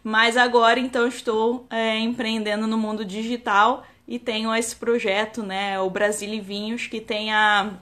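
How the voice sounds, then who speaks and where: Woman, Carioca accent, thirties, slightly high voice, casual live-stream chat, filler-heavy. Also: flat delivery, normal speed, hardly any pauses, pushed and bright. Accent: Carioca Brazilian Portuguese. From Rio de Janeiro, Brazil. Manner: chatty, many "né" and "tá" fillers, restarts. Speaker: enologist hosting a live stream.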